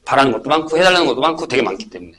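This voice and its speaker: A middle-aged man, a math academy teacher, giving an information session talk to parents and telling stories in an animated way. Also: medium pitch, rapid-fire. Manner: animated storytelling, acting out students and himself.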